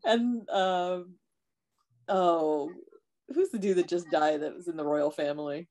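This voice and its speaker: A woman in her thirties co-hosting a casual podcast chat, chatty and quick to laugh as she tells stories. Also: fairly low pitch. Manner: chatty, laughs often, animated storytelling. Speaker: podcast co-host.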